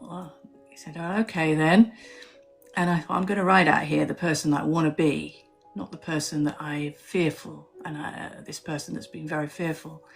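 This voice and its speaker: Low-voiced woman musing on a live stream. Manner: reflective, storytelling, with frequent fillers. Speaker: author hosting a live stream. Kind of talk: casual live-stream talk.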